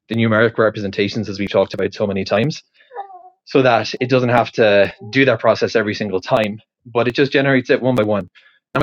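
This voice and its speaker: A podcast host from Ireland poses a question in a casual monologue, his mid-range voice recorded with no room sound and dull audio. He thinks aloud in a loose, rambling way, full of ums, fillers, and restarts.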